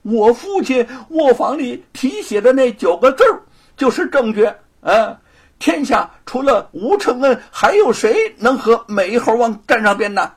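A man voicing an arrogant young male noble who sneers and shouts threats. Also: extremely high pitch, big pitch swings, measured pace, slightly rough, pitched above the performer's own voice, full character voice. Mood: menacing.

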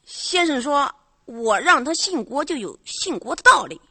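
A woman's voice: sits high, very animated, bright, forceful tone, no echo. A woman, a comic stage performer telling a bawdy story in teasing, mocking banter. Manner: teasing, mocking, brisk punchy delivery.

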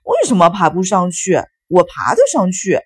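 Woman doing a whiny excitable little boy. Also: moderate pace, close to an everyday voice. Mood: whiny, excited. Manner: high, pleading and shouty.

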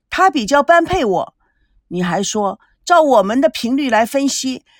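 A woman reading a novel aloud, voicing a proud, sharp-tongued young woman with indignant, quick retorts. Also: a little high, no echo, clean studio sound. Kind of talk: audiobook character voice.

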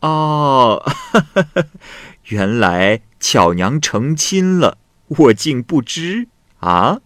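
A man's voice: fairly low pitch, big pitch swings, takes it slowly, dry recording, clean studio sound, full character voice. A man putting on a chuckling fifty-something woman. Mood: chatty. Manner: cheerful, chuckling, prying. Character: genial worldly woman in her fifties.

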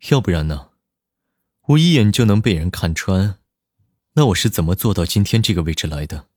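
A man voicing a domineering, possessive powerful man, speaking low, firm and intense. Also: lively intonation, brisk, a little mellow, husky, dry recording, clean studio sound. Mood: calm. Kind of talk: audiobook character voice.

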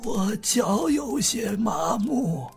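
A man voicing a weak but kindly old man in an audiobook, speaking slowly and softly in a raised, thin voice. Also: high voice, lively intonation, faint music behind, voice pushed up, exaggerated voice. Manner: slow, soft, drawn-out elderly speech. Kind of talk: audiobook character voice.

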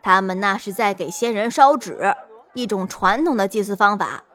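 A woman voicing a confident, clever young boy adventurer in a storybook, speaking calmly and self-assuredly. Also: medium pitch, moderate pace, a faint crowd, natural voice. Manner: calm, self-assured, righteous. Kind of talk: storybook role reading.

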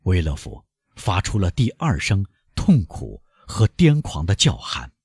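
A man reading a novel aloud as an audiobook narrator, in a dramatic, expressive manner. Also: low voice, measured pace, slightly rough, no echo, studio quality. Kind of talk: scripted narration.

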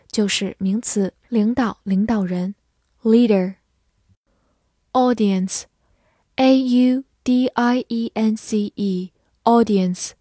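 A woman's voice: a little high, a little mellow, dry recording, studio quality. A woman teaching English vocabulary, patiently explaining words and spelling them out letter by letter. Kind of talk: vocabulary lesson, slow model readings.

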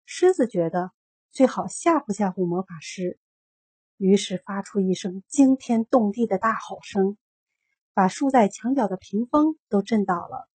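A woman reading a children's story aloud in a slow, steady way. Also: mid-range voice, breathy edge, no echo. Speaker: narrator.

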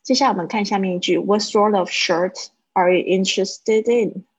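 A woman teaching a livestreamed English lesson, explaining step by step and repeating words slowly to model their pronunciation. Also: mid-range voice, steady tone, slightly rough, no echo. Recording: dull lo-fi livestream audio.

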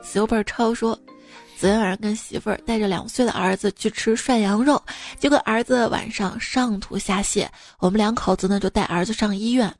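A woman radio host reading out listeners' jokes in a lively, amused storytelling manner. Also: mid-range voice, a little fast, faint music behind.

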